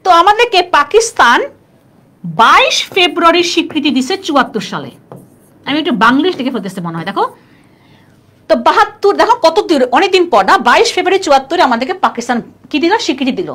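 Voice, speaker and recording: A young woman leads an online exam-prep class, talking fast and chattily while quizzing her students. Her voice sits high and swings widely in pitch. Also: sing-song, a bit bright. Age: young adult. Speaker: admission test tutor. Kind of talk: live online class lecture.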